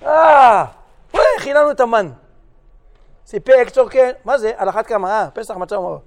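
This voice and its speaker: A rabbi with a high male voice gives a lecture as an animated sermon, acting out stories. He's a lively, jokey storyteller who changes his voice for each character.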